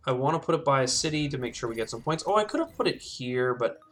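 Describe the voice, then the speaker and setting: A man in a casual gameplay commentary, musing aloud as he weighs each move and second-guesses himself. His voice sits at an ordinary middle pitch, with soft music and keyboard clicks faint in the background. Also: animated, a little fast. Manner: thinks aloud, talks himself through choices. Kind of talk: casual let's-play commentary.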